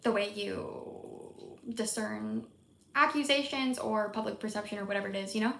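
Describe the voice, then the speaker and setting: A woman's voice: mid-range voice, normal speed, gravelly, a bit bright. A woman streamer reacting to a video in casual live-stream commentary, rambling and swearing, with lots of filler words. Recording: echoey room, faint noise.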